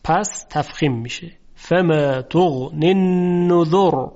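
A man gives a step-by-step lesson on reciting the Quran. He poses questions and answers them himself, slowing down whenever he recites a verse. His voice sits a little high, and the recording sounds dull and lo-fi. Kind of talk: tajweed lesson, explaining and reciting.

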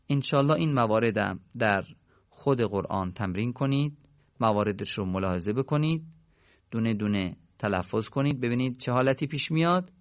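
A man teaches Quran recitation in a patient, step-by-step way, slowing down to chant each verse. His voice has a gravelly edge. The recording is dull and lo-fi, with a dry sound and no room echo. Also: lowish voice. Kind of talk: recorded tajwid lesson.

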